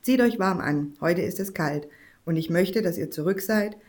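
A woman voicing a caring mother who gives calm instructions. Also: lowish voice, normal speed, lightly acted. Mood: firm.

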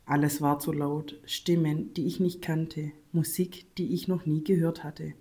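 A woman reads a story aloud in a calm, hushed first-person telling. Her voice is low and mellow, never bright. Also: measured pace. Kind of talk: scripted story narration.

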